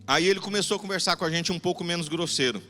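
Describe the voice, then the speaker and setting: A man with a Goiás accent preaching in a church, telling a testimony in an animated, conversational way to the congregation. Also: high-pitched, racing. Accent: Goiás Brazilian Portuguese. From Goiás, Brazil. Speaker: guest preacher. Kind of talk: sermon testimony storytelling. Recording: church hall reverb, faint music.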